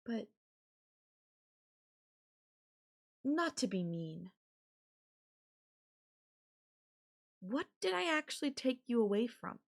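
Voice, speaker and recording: Here her fairly high voice turns very animated, gravelly and heavily acted, with a condescending mood. She is still the obsessive, possessive, murderous girlfriend in the ASMR roleplay, drawing out phrases deliberately and leaving pauses.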